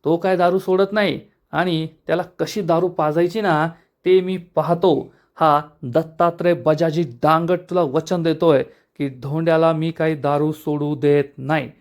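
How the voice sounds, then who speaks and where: A man voicing a boastful, scheming middle-aged uncle who drinks, speaking slowly. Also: fairly high pitch, fairly even intonation.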